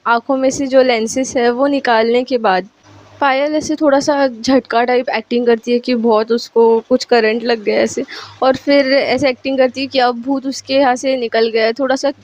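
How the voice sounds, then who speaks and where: A woman's voice: fairly high pitch, fairly even intonation, moderate pace, darkish tone. Chatty woman telling a love story. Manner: chatty, mixes English words into her speech. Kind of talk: casual story narration. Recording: lo-fi recording.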